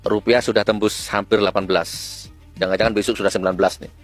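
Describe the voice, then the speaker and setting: A man delivering a scornful, fiery rant with sudden high-pitched outbursts. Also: little pitch movement, fast, faint music behind. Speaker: preacher-style political commentator. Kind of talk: ranting monologue.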